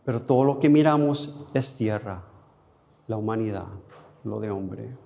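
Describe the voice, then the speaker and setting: A man preaching a sermon, emotional, swinging between soft, quiet passages and sudden louder cries, with long pauses. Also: on the low side, gravelly, a little hiss or hum. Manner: non-native Spanish, asks how to say a word. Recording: dull lo-fi sound.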